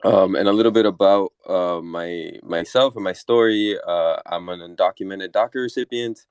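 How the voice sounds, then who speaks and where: Low, smooth-voiced man from Chile. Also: dry recording. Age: 30s. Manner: measured, with frequent fillers. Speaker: deputy chief of staff. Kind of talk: panel discussion introduction. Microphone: audio-only online talk.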